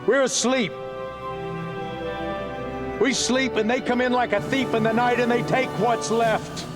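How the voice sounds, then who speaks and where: High-pitched fervent patriotic orator over music. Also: male voice, steady tone. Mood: earnest, urgent. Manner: earnest, emphatic oratory with deliberate pauses. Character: fervent grieving father rallying a crowd as freedom fighter. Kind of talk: dramatic patriotic film speech. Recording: film audio under loud music. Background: loud swelling music.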